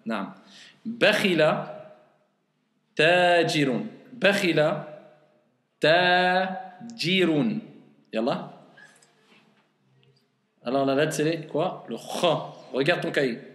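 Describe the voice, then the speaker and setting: Man, reading teacher, slightly high pitch, very slow, repeats syllables, echoey hall. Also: expressive, fairly bright tone. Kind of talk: patient classroom teaching. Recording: echoey room with long reverb.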